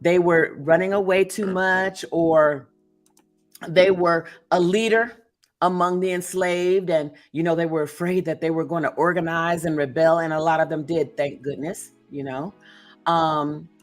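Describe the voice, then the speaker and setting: Low-voiced woman host, emphatic. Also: steady tone, measured pace, soft background music. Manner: emphatic, storytelling, drifts into asides. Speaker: podcast host and author. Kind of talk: casual discussion.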